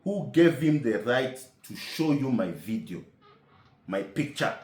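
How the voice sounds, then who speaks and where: Man, comic storyteller, lively indignant delivery, echoey room, loads of rhetorical questions. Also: medium pitch, unhurried.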